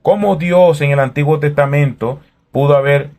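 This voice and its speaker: A man from Venezuela, hosting a calm, thoughtful faith talk in a conversational way. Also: fairly high pitch, moderate pace.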